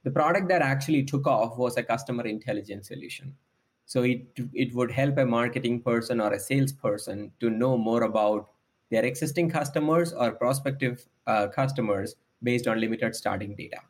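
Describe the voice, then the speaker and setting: A man's voice: medium pitch, a little fast, breathy edge. A man, a startup founder talking through his career in a podcast interview, thoughtful and hesitant with many ums. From India.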